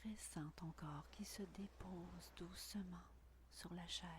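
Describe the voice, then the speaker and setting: A woman whispering a guided meditation intimately, right by the ear, in a breathy, soothing, unhurried voice with long pauses. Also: on the low side, slight background noise. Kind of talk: guided meditation, scripted narration.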